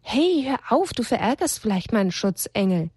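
A woman voicing an earnest, gentle young male farm animal who talks softly and with conviction in a storybook. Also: a little high, big pitch swings, moderate pace, breathy edge, no echo, studio quality, pitched above the performer's own voice, heavily acted. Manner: soft, earnest, hushed.

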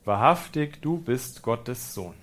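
A German-speaking male priest delivers a sermon at a slow pace and medium pitch, first reading scripture aloud and then reflecting on it. His explanations are patient and calm, with touches of gentle humor.

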